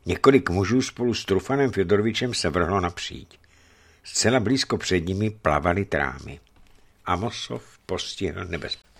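A man narrating an adventure story in a measured, dramatic reading voice. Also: sits low, expressive. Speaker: audiobook reader.

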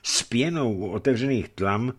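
A man narrating a historical adventure story in an expressive reading style. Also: medium pitch, slightly rough.

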